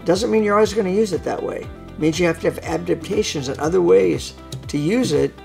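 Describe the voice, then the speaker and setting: A man's voice: sits high, fairly quick, gravelly, a little mellow, soft background music. A man explaining his craft as a hypnosis trainer in an interview, emphatic and repeating phrases for stress.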